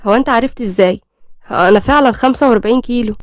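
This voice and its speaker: A woman with an Egyptian accent voicing a shy, nervous young bride who speaks softly and politely. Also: on the high side, rapid-fire, no room sound, clean studio sound, natural voice. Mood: playful. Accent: Egyptian Arabic. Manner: soft, hesitant, polite.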